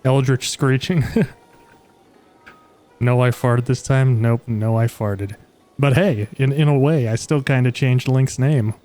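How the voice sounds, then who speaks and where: Joking man streamer with a dark voice. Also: mid-range voice, steady tone, unhurried, soft background music. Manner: joking, crude, chatty asides. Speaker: gaming streamer. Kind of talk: casual game commentary.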